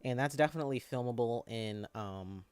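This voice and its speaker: A man in his twenties chatting casually on a live stream, answering viewers in a rambling, halting way with lots of fillers and restarts. He has a youthful, boyish-sounding voice. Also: mid-range voice, clear, resonant tone, no echo. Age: 20s.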